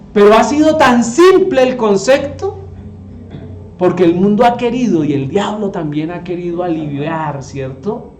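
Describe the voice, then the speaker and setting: A man teaches the Bible to a group, frequently posing rhetorical questions to his listeners. His voice is high-pitched and a bit mellow, and the room has an echo.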